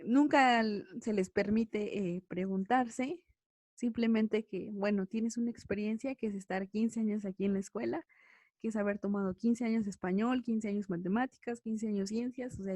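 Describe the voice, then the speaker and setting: A woman's voice: mid-range voice, steady tone, normal speed, a little mellow, no room sound. Female Mexican teacher, conversational lecture, dry sound. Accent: Mexican Spanish. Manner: conversational, frequent tag questions. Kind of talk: online class lecture.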